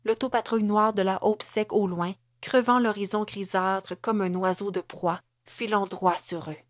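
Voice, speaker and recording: A woman with a Québécois accent reads scripted audiobook narration at a measured, dramatic pace. Her voice sits in a middle pitch. The recording is dry and close, with no room sound. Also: steady tone, dry recording.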